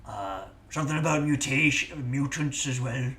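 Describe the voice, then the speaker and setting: A man voicing a self-righteous male station official in a put-on accent that keeps drifting toward a pirate voice, officious with hushed asides. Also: medium pitch, normal speed, lightly acted.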